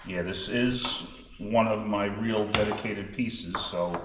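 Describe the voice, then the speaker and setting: A man's voice: on the low side, slow pace. A man demonstrating woodworking in a plainspoken, practical way, like a shop class teacher. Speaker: woodworker demonstrating cabinet making. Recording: echoey workshop, clear background noise.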